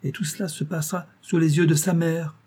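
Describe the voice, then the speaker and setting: A man's voice: fairly high pitch, flat delivery, fairly quick, mellow, slightly rough, pitched above the performer's own voice. A man voicing a gloating, cruel master criminal in an audiobook, taunting and menacing. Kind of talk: audiobook reading.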